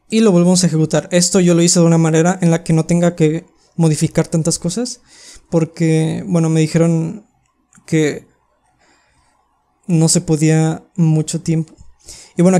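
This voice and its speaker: Young adult webinar presenter, mellow tone, patient step-by-step explainer on a call mic. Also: medium pitch. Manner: explains step by step with frequent "em" pauses. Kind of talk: screen-share coding tutorial. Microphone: computer mic on a video call.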